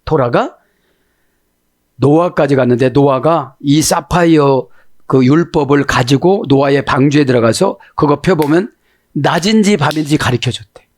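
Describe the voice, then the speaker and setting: Pastor preaching, calling out to listeners. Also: male voice, on the high side, a little mellow, dry recording, studio quality. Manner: often calls out to listeners with tag questions; slows down to spell out word grammar. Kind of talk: sermon explaining Hebrew scripture words.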